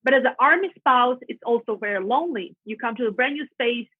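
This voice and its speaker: A realtor in her thirties from Latvia, with a Russian accent, tells her story in a chatty, earnest way as a guest on a casual podcast interview. Her voice is on the high side, brisk and slightly rough. The line sounds tinny and phone-like, dry with no room sound.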